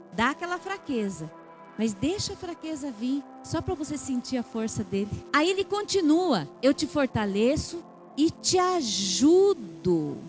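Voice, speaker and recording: A middle-aged Brazilian woman preaches with a high, bright voice, lively and conversational. She acts out small exchanges and gasps for effect. Faint music plays behind her. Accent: Brazilian Portuguese. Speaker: pastor. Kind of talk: sermon.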